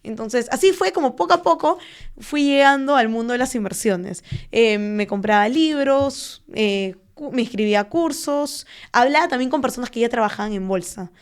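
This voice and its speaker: A young woman with a smooth, resonant voice pitched a little high talks through finance as an interview guest. She explains in a measured, patient way, padding her thoughts with fillers and little "right?" tags. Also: animated. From Peru. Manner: measured, explanatory, frequent fillers and tag questions. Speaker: guest, stock trader and finance content creator. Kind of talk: conversational interview.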